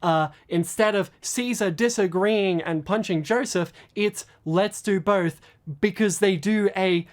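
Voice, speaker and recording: A woman's voice: medium pitch, a little slow, few pauses, a little mellow. A woman video creator giving casual behind-the-scenes commentary in a rambling, stammering, enthusiastic way.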